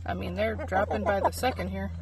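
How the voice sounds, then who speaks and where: Over loud music, a middle-aged chicken keeper speaks a little fast in a mid-range voice, giving an informal, chatty how-to and explaining as she goes with some hesitation. She films in a farmyard chicken run on a phone at arm's length, and the outdoor audio also picks up clucking chickens and background noise.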